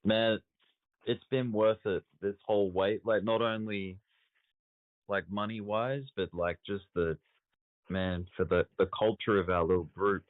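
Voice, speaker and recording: A lowish male voice on a tinny voice call. He talks slowly, with his pitch swinging widely, and breaks into high laughs. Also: steady tone, no room sound. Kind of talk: casual chat.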